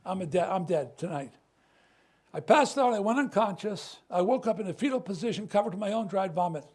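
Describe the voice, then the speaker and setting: A man with a high-pitched voice gives impassioned testimony at a news conference. He is emphatic, sinks to a near-hush on painful memories and surges on defiant points, with the odd stumble and restart. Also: expressive, a little fast, breathy edge. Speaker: ministry leader speaking at a news conference.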